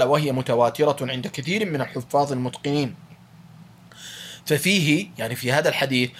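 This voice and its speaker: Male lecturer, rapid explanatory delivery, fairly high voice, reads text then glosses it. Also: fairly bright tone. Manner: quick, explanatory, rephrasing with many fillers and restarts. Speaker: religious teacher.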